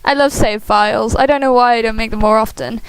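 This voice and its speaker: A woman hosting a game playthrough, reading a visual novel aloud expressively with casual asides, animated and giggly. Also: a little high, fairly quick, clear, resonant tone, no room sound, rough recording. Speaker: host of a game playthrough series.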